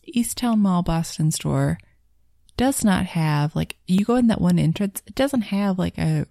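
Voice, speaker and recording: A woman's voice: lowish voice, animated, measured pace, creaky, dark tone, dry recording, clean studio sound. A young woman, a new mother of twins, chatting casually on a podcast, plain-spoken with many fillers. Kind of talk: casual chat.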